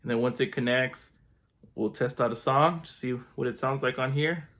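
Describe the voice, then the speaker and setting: A man giving a relaxed, chatty product review at home, walking through features. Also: mid-range voice, moderate pace. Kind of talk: casual unboxing review.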